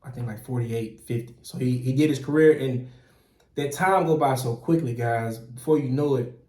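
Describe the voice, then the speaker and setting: A middle-aged man from Mississippi, giving earnest, animated advice as a channel host in casual talk. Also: medium pitch, moderate pace. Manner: earnest and animated, frequent "man" and "you know", restarts, chuckles. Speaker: process operator and channel host. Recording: roomy echo.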